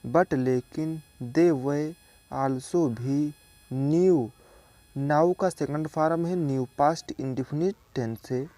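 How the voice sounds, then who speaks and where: A man's voice: on the high side, takes it slowly, warm tone, dry recording. A young man from India, a student, teaching English by explaining a simple story word by word and repeating each meaning.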